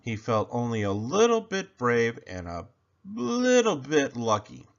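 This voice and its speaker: Here a man narrates a children's picture book expressively, taking his time. His medium-pitched voice has some creak, and the audio is dull.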